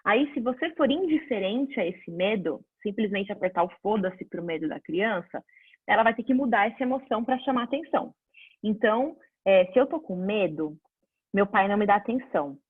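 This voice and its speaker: A woman's voice: mid-range voice, normal speed, slightly rough, no room sound. Woman teaching over a tinny line. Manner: conversational, answers viewer questions, lively examples. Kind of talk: casual online class. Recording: dry phone-like audio.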